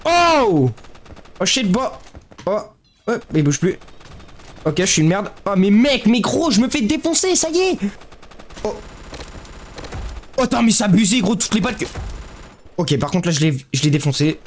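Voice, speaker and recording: A man giving casual gameplay commentary, excitable and slangy, often yelling at the game. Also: sits high, moderate pace, pauses often, slight background noise. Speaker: gaming YouTuber.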